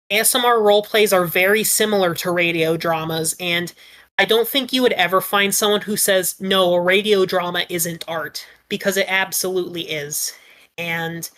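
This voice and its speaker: A woman's voice: lowish voice, a bit bright. A woman on a casual podcast call, explaining her views at length in an earnest way, with lots of "like"s. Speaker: podcast panelist and ASMR script writer.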